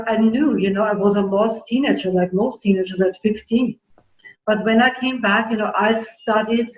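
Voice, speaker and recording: A middle-aged woman from Germany, raised in Austria, telling her story in an interview, earnest and halting with many fillers. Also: medium pitch. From born in Germany, grew up in Austria. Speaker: naturopathic doctor, guest. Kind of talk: casual interview talk. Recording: dull roomy audio.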